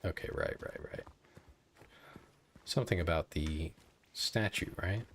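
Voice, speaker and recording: A man's voice: low-pitched, very animated, measured pace, vocal fry, background noise. A man streaming a game, chatting with viewers in a rambling, joking way. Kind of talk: casual live-stream gaming chat.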